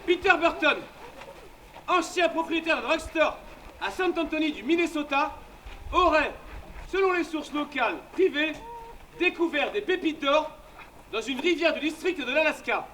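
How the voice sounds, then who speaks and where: An actor playing an excitable newspaper editor who talks in a hurried, stammering rush. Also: male voice, extremely high pitch, slight background noise. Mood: excited.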